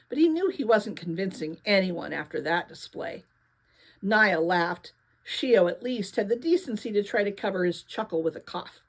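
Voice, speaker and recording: Woman reading a novel aloud to students. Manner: friendly, explains her highlighted notes. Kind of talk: read-aloud narration with commentary.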